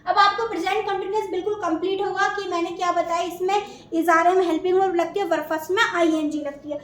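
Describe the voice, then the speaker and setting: A woman's voice: very high voice, steady tone, fast talker, a bit bright, distant mic. A woman with an Indian accent teaching an English grammar class, asking questions and answering them herself. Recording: echoey room, voice from afar, faint noise.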